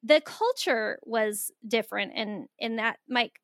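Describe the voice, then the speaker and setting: An earnest American woman from the Southwest, a guest author who exhorts and laughs easily. Her voice is bright and sharp, pitched a little high, and it is recorded dry and close. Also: unhurried, dry recording. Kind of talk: interview conversation.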